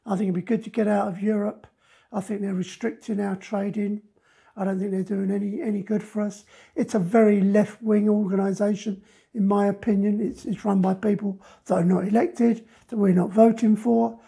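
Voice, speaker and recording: A man's voice: sits high, flat delivery, moderate pace, gravelly, warm tone, slightly rough. A man in his sixties, a company executive, giving blunt opinions in an office interview. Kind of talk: sit-down interview. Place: indoor office.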